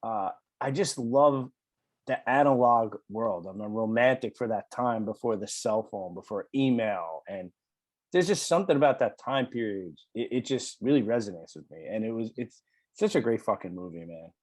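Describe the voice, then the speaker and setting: A podcast host with a Long Island accent, talking enthusiastically and self-deprecatingly, swearing casually. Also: male voice, on the low side, expressive, normal speed, no room sound.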